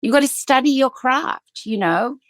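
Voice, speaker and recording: On her podcast, this esthetician talks with passionate emphasis, doubling up words to drive her points home. Her voice is high-pitched with lively intonation at a moderate pace, captured without echo.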